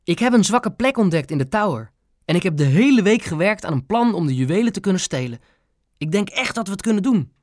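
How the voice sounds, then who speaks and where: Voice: medium pitch, big pitch swings, fairly quick, darkish tone, dry recording, clean studio sound, voice pushed up, lightly acted. A narrator voicing an eager, scheming young boy laying out a plan, in an audiobook reading. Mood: conspiratorial. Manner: eager, conspiratorial.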